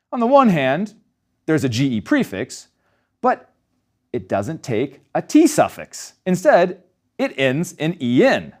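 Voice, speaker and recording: A man with a fairly high voice that swings widely up and down as he narrates a scripted German grammar lesson. He explains each rule step by step and slows down to sound out the German example words. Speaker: German language teacher.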